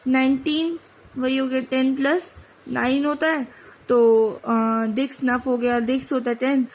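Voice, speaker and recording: A woman's voice: high-pitched, level tone, a little slow, a little mellow, low-quality recording. A woman teaching French number pronunciation, mixing Hindi with English and sounding out each word. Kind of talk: online language lesson.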